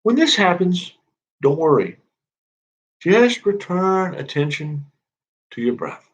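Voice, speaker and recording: A man working as a spiritual counselor, giving calm, measured guided meditation instructions in a gently inviting way. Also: high-pitched, low-quality recording.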